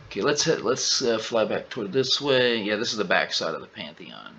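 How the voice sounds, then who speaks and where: A man's voice: lowish voice, very animated, fairly quick, fairly bright tone, slight background noise. A man, casually joking and exclaiming through flight simulator commentary. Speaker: gaming channel host. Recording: dull lo-fi audio, faint ambience.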